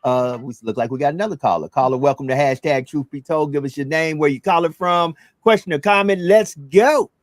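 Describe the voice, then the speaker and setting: A man's voice: fairly high pitch, brisk, few pauses, no echo. A man hosting a call-in talk show, emphatic and loose in his phrasing as he takes callers. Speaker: radio talk show host.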